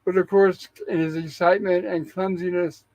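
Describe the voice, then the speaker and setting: A man co-hosting a live-streamed classic TV review show, casually retelling episode plots in a relaxed, storytelling way. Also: sits high, moderate pace, dry recording. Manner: relaxed storyteller paraphrasing scenes. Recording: dull lo-fi sound.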